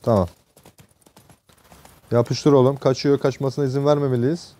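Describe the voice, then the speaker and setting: A young man from Turkey giving casual, excitable gameplay commentary, joking and swearing at the game from a desk mic at home. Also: medium pitch, normal speed. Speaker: gameplay streamer.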